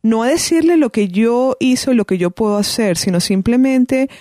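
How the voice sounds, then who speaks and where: A woman with a fairly high, mellow voice speaks at normal speed as a guest on parenting, giving thoughtful conversational advice and restarting her phrases often, with plenty of fillers. The clean studio sound carries no room sound.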